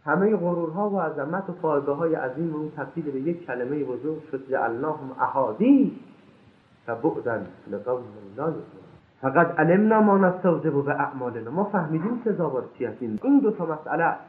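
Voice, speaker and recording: A man preaching an impassioned sermon, reciting scripture verses slowly and swinging between loud high outbursts and low hushed asides. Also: lively intonation. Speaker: religious lecturer. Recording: echoey, tinny lo-fi recording.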